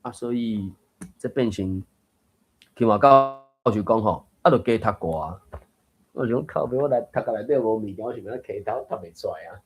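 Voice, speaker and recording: In an online reading room, a man with a Taiwanese accent and a lowish voice hosts a book reading group at a moderate pace. He explains pronunciation in a chatty, digressive way, thinking aloud as he goes.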